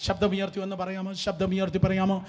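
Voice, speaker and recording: A man's voice: high voice, completely flat delivery, quick pace, a little mellow. A middle-aged man from Kerala preaching a sermon emphatically, leading the congregation in call-and-response and mixing in English words. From Kerala, India. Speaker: pastor.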